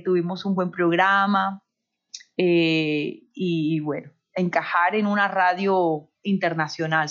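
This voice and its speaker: A talkative, expressive middle-aged woman from Barranquilla, Colombia, speaks with a somewhat neutralized Caribbean-coast accent and a voice on the low side. She's a radio host appearing as a guest in a conversational interview, sharing personal anecdotes. The internet-call audio is muffled, dull and lo-fi.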